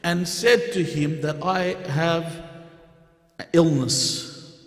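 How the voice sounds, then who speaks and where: A man delivers a sermon in a relaxed, conversational way, turning to the audience with questions. His voice sits a little high. The sound carries a long reverb from a large mosque hall. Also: drawn-out words. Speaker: speaker giving a religious talk.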